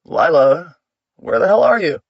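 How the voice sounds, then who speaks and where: A man voicing a controlling, gaslighting husband who barks accusations, with a gravelly, husky voice, recorded dry and a bit muffled. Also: medium pitch, expressive, moderate pace, no room sound. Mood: angry shouting. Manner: loud and accusing.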